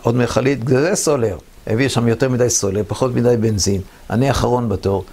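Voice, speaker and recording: A man's voice: mid-range voice, steady tone, darkish tone, husky. A man in his seventies from Israel, a veteran telling his war memories in an interview. He tells the story vividly and acts out what others said. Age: 70s.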